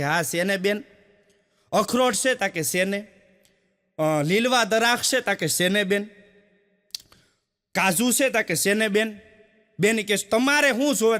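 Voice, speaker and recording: A stand-up comedian from Gujarat, India, performs folksy village jokes before a stage audience, acting out both sides of each quoted dialogue and repeating punchlines. His high-pitched voice is pushed and bright, trailed by a long reverb.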